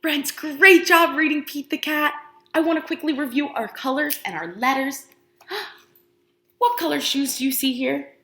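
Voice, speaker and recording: A woman preschool teacher with a high-sitting voice reads aloud to young children in an animated read-aloud and lesson, using exaggerated, expressive emphasis. She encourages them with questions and pauses. The indoor recording has a roomy echo.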